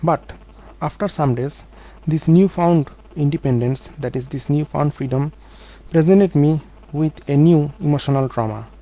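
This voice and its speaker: A man telling his own life story as a vlog monologue, in an earnest, halting way with small grammar slips. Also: a little high, dark tone, rough recording.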